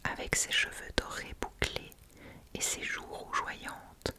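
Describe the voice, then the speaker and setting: A person reading a novel aloud in a soft, hushed ASMR whisper, like someone whispering in a library. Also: takes it slowly. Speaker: audiobook-style reader.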